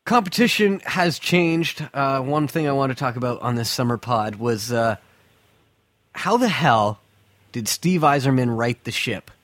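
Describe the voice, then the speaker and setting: Recording a casual sports podcast in a house attic during summer heat, a man speaks at a measured pace in an expressive, medium-pitched, slightly bright voice with no room sound. He's blunt, profane, and strongly opinionated.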